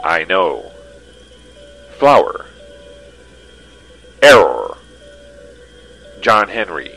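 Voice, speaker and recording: A glitching starship computer, voiced by a man, breaking down and blurting out disjointed words. The voice sits very low and crawls along at a dragged-out pace, while the pitch lurches up and down wildly, with music playing faintly underneath. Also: big pitch swings, drawn-out words, sharp tone, slightly rough, full character voice, low-quality recording. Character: malfunctioning male starship computer.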